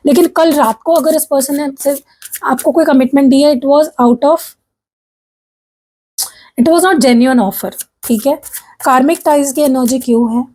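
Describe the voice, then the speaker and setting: High and mellow, this woman's voice carries a relaxed tarot reading for viewers. Chatty and friendly, she drops English phrases into Hindi, calls her audience "guys", says "theek hai?" often, and complains that her throat is sore.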